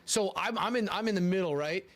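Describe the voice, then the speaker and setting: Fast, high-voiced man telling a rambling story. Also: fairly bright tone. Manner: rambling, repeats himself, stumbles over words. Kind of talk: casual storytelling.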